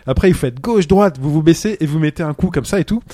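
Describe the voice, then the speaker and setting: A man in his thirties chatting casually as a podcast co-host, telling stories with lively acted-out scenes. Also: a little high, racing, dry recording, studio quality. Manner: animated storyteller, acts out scenes. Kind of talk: casual chat.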